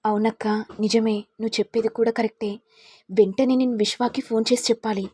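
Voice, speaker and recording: A woman's voice: a little high, fairly quick, slightly rough, no echo, studio quality. A woman voicing a dutiful young female student who speaks earnestly and respectfully. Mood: excited. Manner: earnest, respectful, excited chatter.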